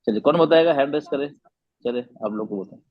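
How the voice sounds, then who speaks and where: A man's voice: medium pitch, a little fast, no room sound, dull audio. A man teaching a Quran recitation class online, patiently repeating letter sounds and quizzing his students.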